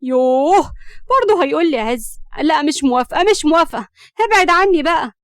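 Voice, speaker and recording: A woman's voice: sits high, steady tone, very fast, no echo, studio quality. A woman with an Egyptian accent voicing a proud, defiant young student who answers back tensely.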